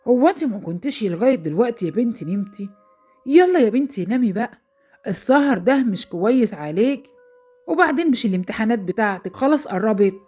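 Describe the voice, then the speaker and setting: Brief: anxious, affectionate Egyptian mom, fast-talking and a bit husky, voiced by the narrator. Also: female voice, fairly high pitch, animated, mellow, faint music behind. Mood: scolding. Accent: Egyptian Arabic. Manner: soothing, pleading, motherly. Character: worried, tender Egyptian mother.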